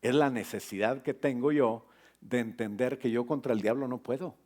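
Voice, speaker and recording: A middle-aged male pastor preaching a sermon, lively and joking with his congregation. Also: mid-range voice, moderate pace.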